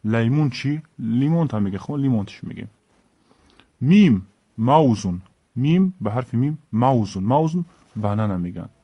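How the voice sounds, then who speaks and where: Man slowly spelling out letters. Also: medium pitch, animated, slightly rough, no room sound, highs cut off. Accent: Tajik. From Tajikistan. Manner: slow, repeats each word, stresses letter names. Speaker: Arabic teacher. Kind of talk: alphabet lesson.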